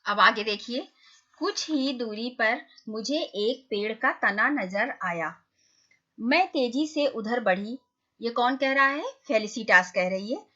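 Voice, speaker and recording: A woman teacher reads a story to young pupils and keeps stopping to ask the class questions and explain. Her voice is bright and a little high. The recording is dull and lo-fi. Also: expressive, slow pace. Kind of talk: reading and explaining a school lesson to children.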